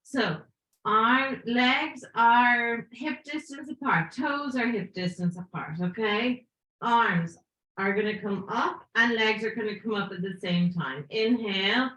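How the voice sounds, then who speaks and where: Yoga teacher, woman, slightly high voice, playful encouraging cues, voice wearing thin, room echo. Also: sharp tone. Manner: encouraging, playful cueing with breath counts. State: losing her voice. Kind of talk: live yoga class instruction. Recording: echoey room.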